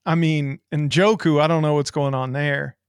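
A man hosting a fantasy sports podcast with lively banter and brash, boastful showman patter. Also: on the high side, moderate pace, clear, resonant tone, no room sound, clean studio sound. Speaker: podcast host.

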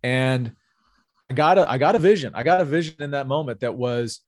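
A man's voice: medium pitch, fairly quick, dry recording, studio quality. Earnest man telling a personal story. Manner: earnest storytelling, with frequent repeated words. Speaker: guest, sales executive. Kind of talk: personal story in a podcast interview.

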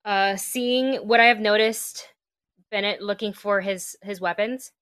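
A woman playing in a tabletop game, describing her character's actions in a hesitant, halting way. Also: medium pitch, fairly even intonation, a bit bright, clear, resonant tone. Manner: hesitant, halting, full of restarts. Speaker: player. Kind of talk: casual tabletop role-play.

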